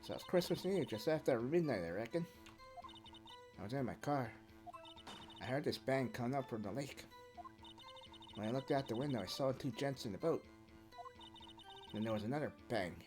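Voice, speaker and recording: A man's voice: medium pitch, lively intonation, moderate pace, long pauses, lightly acted. A man voicing a chatty young Southern woman with a put-on Southern drawl, over game music. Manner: folksy, drawling.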